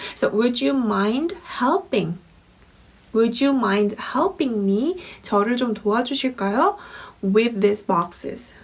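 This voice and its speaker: A woman teaching an English lesson, repeating example sentences slowly and clearly. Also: sits high. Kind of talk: language lesson.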